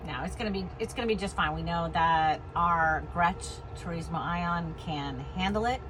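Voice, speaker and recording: Her pitch sits fairly low and her pace is moderate as she talks casually for a travel vlog from a camper van, saying things more than once to stress them. Behind her there's a steady noise, the hum of the vehicle, and hail outside.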